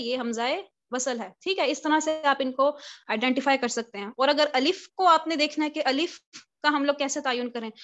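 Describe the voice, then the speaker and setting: High-voiced woman teaching over a video call. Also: fairly bright tone, lo-fi sound. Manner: patient step-by-step explaining, poses questions to students. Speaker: Quran recitation teacher. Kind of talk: live online class lecture.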